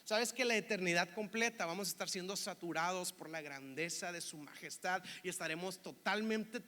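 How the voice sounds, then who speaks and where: A man's voice: sits high, moderate pace, pushed and bright, in a large hall. A man with a northern Mexican accent from Monterrey, preaching a sermon in a chatty way and often asking "¿verdad?". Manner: conversational, keeps asking "¿verdad?". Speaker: pastor.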